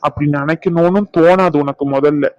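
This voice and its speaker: A man's voice: fairly high pitch, fairly even intonation, moderate pace, no echo, natural voice. A man playing a comforting younger brother. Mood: earnest. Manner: reassuring, warm-hearted teasing, affectionate scolding. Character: caring younger brother comforting his sister. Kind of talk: family drama acting. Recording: dull dry sound.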